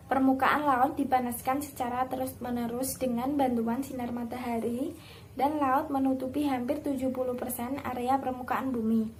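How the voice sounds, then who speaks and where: A woman's voice: fairly high pitch, a little mellow, slight background noise, rough recording. Hesitant young woman giving a class talk. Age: young adult. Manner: reads steadily with frequent hesitation fillers. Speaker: university student presenter. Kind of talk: class presentation.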